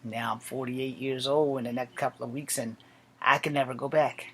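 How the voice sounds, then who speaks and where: A man's voice: medium pitch, fairly even intonation, normal speed, a bit bright, a little hiss or hum. A man in his late forties, an army veteran, speaking a blunt, profane and defiant personal monologue to camera. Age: 40s.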